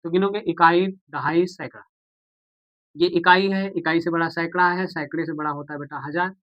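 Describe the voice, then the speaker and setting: A man's voice: a little high, fairly even intonation, normal speed, dry recording, highs cut off. A man teaching a maths lesson, patient and repetitive, who asks the viewers questions and answers them himself. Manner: patient, repeats steps, calls viewers "beta" and "bhaiya".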